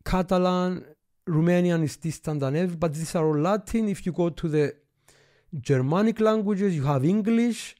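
This man has a high, mellow voice, a Greek accent, and a moderate pace. He teaches history in a casual lesson, eagerly explaining and thinking aloud while pointing things out.

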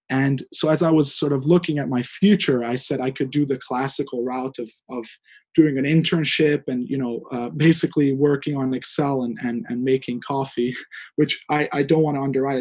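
A man's voice: mid-range voice, darkish tone. Young Hungarian-born man, thoughtful guest. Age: 20s. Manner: thoughtful, hedging with fillers. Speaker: guest, student fund director. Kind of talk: interview.

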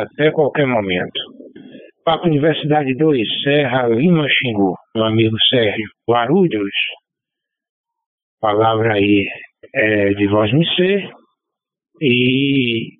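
Slow Bahian man over two-way radio. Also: lowish voice, no echo. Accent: Bahian Portuguese. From Bahia, Brazil. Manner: slow, courteous, spells call signs in the phonetic alphabet. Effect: heard over a two-way radio. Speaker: ham radio operator. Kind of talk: radio net sign-off with call signs. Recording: narrow dry radio transmission.

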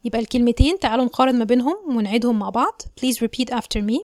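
A woman with an Egyptian Arabic accent hosting an English lesson podcast, explaining clearly and drilling words by repeating them. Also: fairly high pitch, very fast, a little mellow, no echo, studio quality. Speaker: English teacher, podcast host.

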